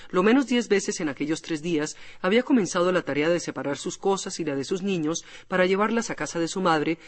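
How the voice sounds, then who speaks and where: A man narrating a classic novel as an audiobook in a measured storytelling manner. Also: sits high. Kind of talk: scripted literary narration. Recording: long hall reverb.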